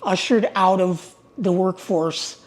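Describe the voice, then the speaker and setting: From her home, a retired older woman chats casually to her viewers in a vlog monologue, staying upbeat and prone to digressions. Her voice is mid-range and she speaks slowly.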